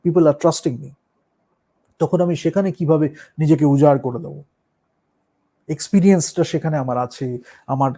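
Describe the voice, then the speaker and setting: A man with a Bengali accent, a musician and performer, talking in a casual, thoughtful way, slipping English phrases into his speech and pausing with fillers. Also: fairly high pitch, warm tone. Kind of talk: casual talk on art and performance.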